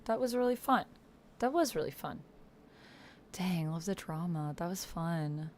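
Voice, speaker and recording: A woman whose voice sits on the low side chats at a measured pace as she plays a text-based online roleplaying game, reading the typed chat aloud and adding comments. Keyboard typing and steady noise are audible behind her.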